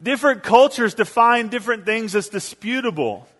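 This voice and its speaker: A man's voice: very high voice, expressive, moderate pace, fairly bright tone. A man preaching a sermon as a pastor, talking conversationally and telling stories with quoted asides. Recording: long hall reverb.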